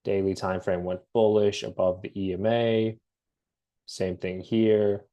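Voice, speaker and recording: A man with a head cold walks through trading charts in a relaxed, halting way, full of ums and restarts. His voice sits a little low and carries a slight rasp. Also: lo-fi sound. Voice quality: raspy. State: has a cold, slightly raspy. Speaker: forex trading analyst. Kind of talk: casual screen-share market breakdown.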